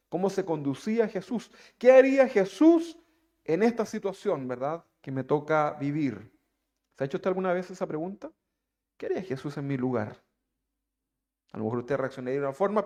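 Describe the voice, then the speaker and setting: A preacher from Chile with a fairly high voice for a man, speaking. He delivers his sermon to the congregation and keeps putting rhetorical questions to them. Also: darkish tone.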